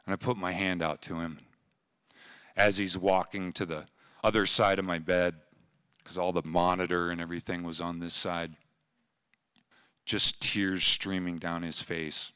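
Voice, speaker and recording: A man from Oregon telling an emotional personal story to a live audience, slow and emphatic. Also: deep voice, level tone, sharp tone, smooth.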